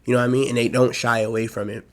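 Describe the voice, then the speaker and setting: A man's voice: medium pitch, flat delivery, very fast. A young American man talking casually to his channel, rambling and loose with lots of slang and fillers. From United States. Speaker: YouTube vlogger. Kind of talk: casual solo talk to camera.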